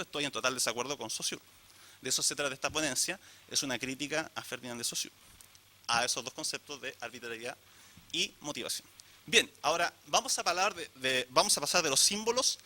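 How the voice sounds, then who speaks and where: A man's voice: a little high, bright, forceful tone. A man giving an academic lecture to a live audience, asking rhetorical questions and turning to the listeners. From Chile. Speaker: conference speaker.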